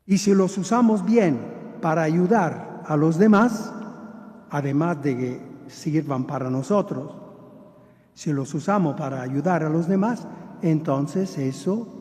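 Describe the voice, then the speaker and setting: Slow, high-voiced priest in echoing church. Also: male voice, mellow. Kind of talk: liturgical Gospel reading and homily. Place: large reverberant church. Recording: echoing church, long cathedral-like reverb.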